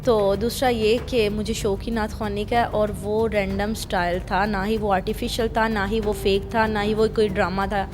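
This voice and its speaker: A woman's voice: medium pitch, little pitch movement, few pauses, over music. A young woman being interviewed about her religious recitation, answering firmly and repeating her points. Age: young adult.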